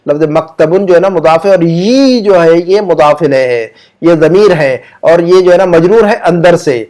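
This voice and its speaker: A man with an Urdu-speaking accent teaching an online grammar lesson. He explains patiently, repeats example sentences slowly and puts questions to his students. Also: on the high side, darkish tone.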